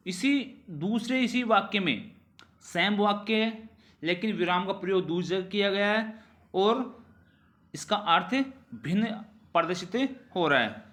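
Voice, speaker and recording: A man teaches grammar revision at an unhurried pace, his tone fairly bright. His pitch falls as each sentence finishes, and he repeats phrases while asking rhetorical questions.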